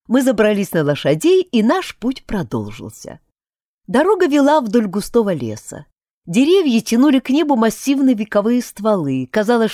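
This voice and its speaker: A woman reading a fantasy audiobook in first person, her pitch swooping widely as she acts out the story. Her tone is dark and mellow, recorded close and dry with no room sound. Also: no echo. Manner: expressive, switching voices for each character. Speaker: audiobook narrator.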